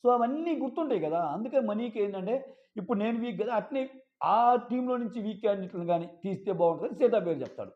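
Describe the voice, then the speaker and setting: A man recapping a reality show episode in a casual, animated way, acting out quoted lines. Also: sits high, quick pace. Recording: dull lo-fi sound.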